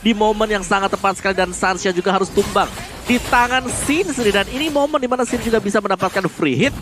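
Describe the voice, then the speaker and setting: A man's voice: sits high, fast, music in the background. A man with an Indonesian accent giving analytical commentary on an esports match. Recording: noisy live broadcast commentary.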